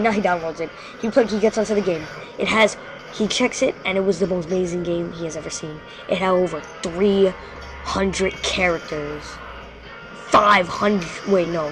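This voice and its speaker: A show host casually telling a creepy story live, rambling and often stopping mid-sentence to correct themselves. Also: mid-range voice. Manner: rambling, frequently corrects itself.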